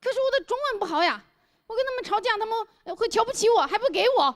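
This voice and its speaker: A woman's voice: expressive, very fast. A woman voicing a naive, melodramatic young foreign man who speaks in broken, simple phrases. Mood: pleading. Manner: high-pitched wailing, broken simple phrasing.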